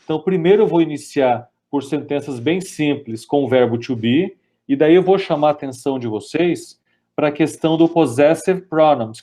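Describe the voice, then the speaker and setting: A man with a Brazilian Portuguese accent giving a webinar grammar lesson, explaining step by step and reading out English examples slowly. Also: on the high side, dark tone. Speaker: lecturer.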